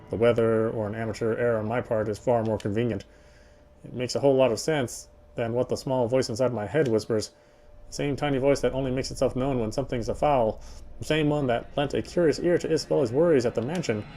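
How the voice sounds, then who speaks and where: Reading a visual novel aloud on stream, a man adds his own remarks and now and then stumbles, repeating words. He has a medium-pitched, dark-toned voice, with slight background noise.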